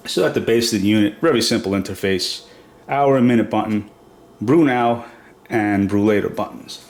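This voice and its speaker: This casual how-to has a man with a cold, his voice nasal and blocked up, explaining a product step by step and using fillers along the way. He talks at a moderate pace in a fairly low, slightly mellow voice, in a reverberant room at home.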